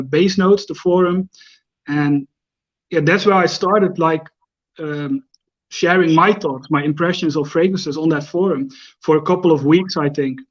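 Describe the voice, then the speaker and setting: A man's voice: on the high side, dull audio. A man in his thirties from the Netherlands with a Dutch accent, a guest chatting casually and rambling with many fillers over a video call. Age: 30s. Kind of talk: casual remote chat.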